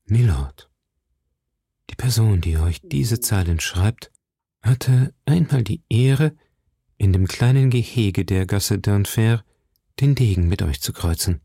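A refined musketeer, voiced by a male narrator weighs each word softly and precisely. The voice is mellow and gravelly, recorded close and dry. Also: mid-range voice, lively intonation, no echo, exaggerated voice. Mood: measured. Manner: soft, measured.

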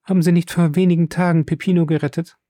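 A man reading the part of an earnest young gentleman in an audiobook, polite and pressing, a bit raised in pitch. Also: level tone, fast, no echo, studio quality, close to an everyday voice. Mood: earnest, urgent.

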